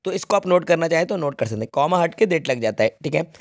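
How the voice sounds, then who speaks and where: A man's voice: a little high, animated, fast, no room sound, studio quality. A man teaching English grammar, walking through an exam paper step by step and often checking that students follow. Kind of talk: exam paper walkthrough lesson.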